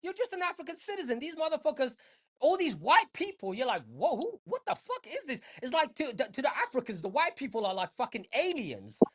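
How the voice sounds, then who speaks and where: Brief: outspoken podcast woman, fairly high voice, emphatic, profane. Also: very animated, a little fast, a bit bright. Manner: emphatic, heavy swearing, repeats points. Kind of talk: casual podcast chat.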